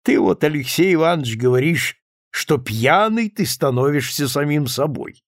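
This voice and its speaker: A man reading an audiobook, voicing a calm, reasoning male doctor who grumbles mildly. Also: on the high side, moderate pace, no echo, clean studio sound, close to an everyday voice. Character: sober, mildly irritated male doctor friend.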